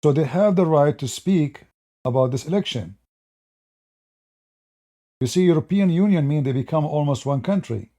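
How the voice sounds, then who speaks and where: A man with a fairly high voice talks at a moderate pace and pauses often. He addresses viewers directly with loose, mocking political commentary, his tone mellow and relaxed, his sentences often begun again.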